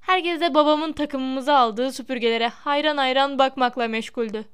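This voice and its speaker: A woman's voice: high voice, moderate pace, a bit bright, clear, resonant tone. Woman doing a smug, sneering schoolboy. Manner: self-satisfied, mocking.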